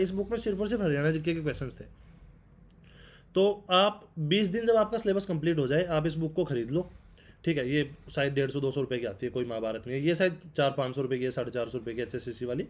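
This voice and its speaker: A young man rattles off exam advice at a quick clip in a slightly high voice. He talks casually and like a big brother, hammering the same points again and again. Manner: brotherly, repeats points, says bhai often. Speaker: exam prep vlogger.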